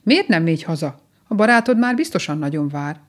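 A woman voicing a jolly old toad in a storybook reading, croaky and unpleasant-sounding, teasing and chuckling as it talks. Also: low-pitched, lively intonation. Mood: mocking. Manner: mocking, chuckling.

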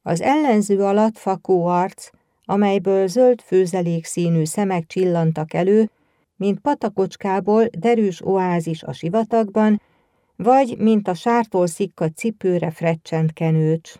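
Woman narrator, measured storytelling, mellow tone, dry close recording. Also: medium pitch, no room sound. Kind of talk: reading a story aloud.

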